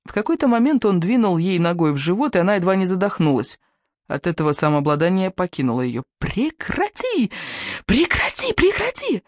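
Low-voiced woman reading an audiobook. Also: animated, fast, darkish tone, no echo, studio quality. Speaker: audiobook reader. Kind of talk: scripted narration.

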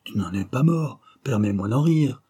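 A man's voice: mid-range voice, animated, normal speed, dark tone, husky. A man voicing a mild, jovial middle-aged husband who teases his friend in a read-aloud novel. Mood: amused teasing.

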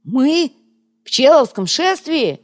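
A woman voicing a rough, slangy male gang boss who talks bluntly in an audiobook. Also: lowish voice, very animated, measured pace. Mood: gruff.

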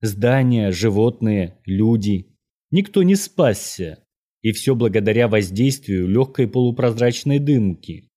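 A man voicing an old Norwegian mage, courteous and menacing, who speaks in a measured, formal, lecturing way. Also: on the low side, lively intonation, warm tone.

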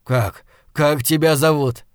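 A man's voice: fairly high pitch, fairly even intonation, slow pace, clear, resonant tone, no echo, clean studio sound. A man voicing the lonely last man alive, speaking in terse, steely short lines in an audiobook. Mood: tense.

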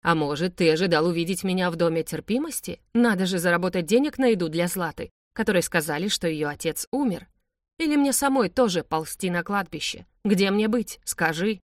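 A woman's voice: on the low side, lively intonation, fairly quick, dry recording, clean studio sound, lightly acted. A woman voicing an angry young woman who hisses and snaps caustic reproaches. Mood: furious. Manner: hissing, caustic, shouting. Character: furious young woman, sharp and bitter.

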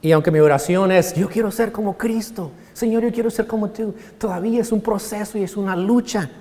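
A male pastor preaching a sermon with passion, swinging from hushed lines to loud exclamations. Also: sits high, fairly quick. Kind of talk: Spanish-language sermon. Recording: long reverb of a large hall.

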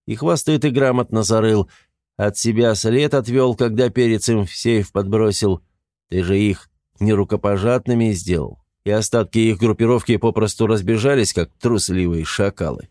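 A man voicing a graying crime boss in his fifties, speaking in a velvety, trained announcer-like voice, unhurried and quietly menacing. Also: lowish voice, no room sound, studio quality, close to an everyday voice. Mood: calm, knowing. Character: graying fifty-something male crime boss, calm and commanding. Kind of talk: audiobook character voice.

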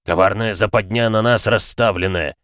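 A man's voice: lowish voice, normal speed, a bit bright, no room sound, clean studio sound, lightly acted. A man voicing a haughty, pompous male creature with claws and armored eyelids.

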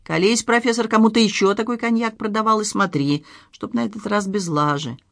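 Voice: medium pitch, fairly quick, gravelly, a bit bright, pitched above the performer's own voice. A narrator voicing a stern, unflappable male police captain who talks bluntly, read in an audiobook. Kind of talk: audiobook character reading.

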